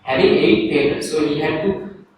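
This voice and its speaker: A Sri Lankan man, a Buddhist monk, giving a calm dharma talk to a group and leading a guided reflection. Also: fairly high pitch, moderate pace. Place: teaching hall in Sri Lanka. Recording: echoey room, distant mic, faint noise.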